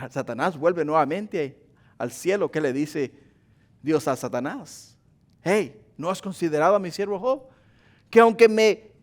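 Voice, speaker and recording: A male pastor preaching a sermon to his congregation, whose voice climbs and grows louder on repeated pleas before dropping back low and quiet. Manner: impassioned preaching, rising in pitch and volume on repeated pleas; addresses the congregation as brothers and sisters.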